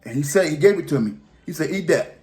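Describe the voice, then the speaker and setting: A man's voice: fairly high pitch, expressive, fast talker, a little mellow. Rambling man telling a story. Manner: rambling, colloquial, restarts sentences. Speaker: vlogger. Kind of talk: casual storytelling.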